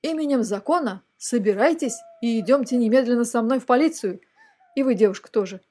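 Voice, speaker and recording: A woman's voice: mid-range voice, moderate pace, darkish tone, natural voice. A woman voicing a dutiful male police officer who speaks with formal official strictness. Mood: stern.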